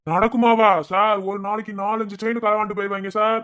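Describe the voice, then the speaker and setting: A man's voice: sits high, flat delivery, fairly quick, fairly bright tone, clear, resonant tone. A man voicing a fussing, eager village police constable with a Madurai Tamil accent who talks deferentially. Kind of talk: cartoon voice acting.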